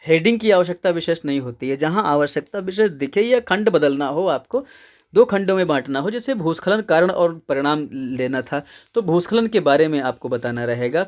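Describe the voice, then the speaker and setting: A man teaching Hindi grammar and essay writing for an exam, explaining step by step and often checking in with his students. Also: on the high side. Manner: explains step by step, repeats key words, checks in with "ठीक है". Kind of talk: exam answer-key lecture.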